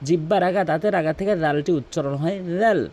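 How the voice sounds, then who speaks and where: A man with a high voice gives a recitation lesson. He explains each sound plainly, then chants the phrases slowly and stretches them out at a higher pitch. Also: darkish tone. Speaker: Quran recitation teacher. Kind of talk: tutorial on Arabic pronunciation.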